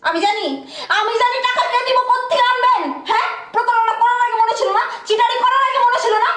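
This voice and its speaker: A woman playing a furious young bride who has been deceived, scolding and shouting. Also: very high-pitched, fairly even intonation, fast. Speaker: bride in a web drama. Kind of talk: short web drama acting. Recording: echoey room with clear noise.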